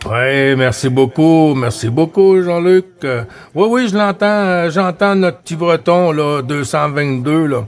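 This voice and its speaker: Speaking with a Quebec French accent, a man from Quebec, Canada, with a slightly higher-than-average voice chats easygoingly as a CB radio operator, trading greetings. His speech is halting, and he frequently repeats phrases.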